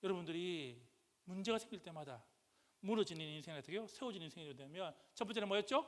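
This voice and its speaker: A man preaching a sermon as pastor, questioning the congregation call-and-response style and rising to loud, impassioned outbursts. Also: high-pitched, animated, quick pace. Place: church sanctuary. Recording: church hall reverb.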